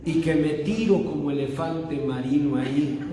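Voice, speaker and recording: A middle-aged man with a Mexican accent, a pastor telling a self-mocking, animated story during a sermon. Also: a little high, normal speed, background noise. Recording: echoey hall with long reverb.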